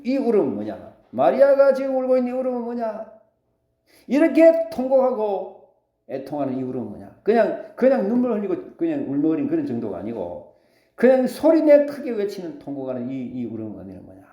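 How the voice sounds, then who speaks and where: A pastor preaching a sermon, throwing rhetorical questions to the congregation. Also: male voice, a little high, roomy sound. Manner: lively preaching with call-and-response questions. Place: church sanctuary.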